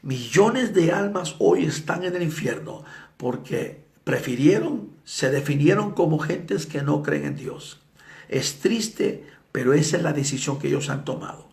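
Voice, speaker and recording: A male evangelist preaching a sermon, telling stories dramatically and acting out the people in them, sometimes with shouts. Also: fairly high pitch, lively intonation, unhurried, creaky. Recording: echoey room.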